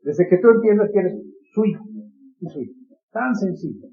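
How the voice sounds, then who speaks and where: A man's voice: high voice, expressive, normal speed, narrow, tinny audio, faint music behind. A man preaching a sermon in an earnest, pleading manner, with many repetitions.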